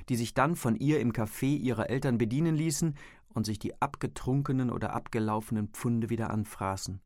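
A man narrating a novel as an audiobook, in measured scripted storytelling. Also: medium pitch, dry recording, studio quality.

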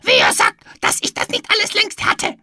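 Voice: very high-pitched, wildly swooping pitch, normal speed, pushed and bright, dry recording, clean studio sound, voice pushed up, exaggerated voice. A reader voicing an invisible, whiny, ever-hungry little water sprite who shrieks and wails dramatically in a storybook reading. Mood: boastful.

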